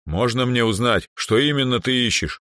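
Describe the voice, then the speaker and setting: Man doing a calm elf guard, short answers, dry close sound. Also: mid-range voice, moderate pace, dry recording, voice pushed up, close to an everyday voice. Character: composed male elf guard, terse and steady. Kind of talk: audiobook character voice.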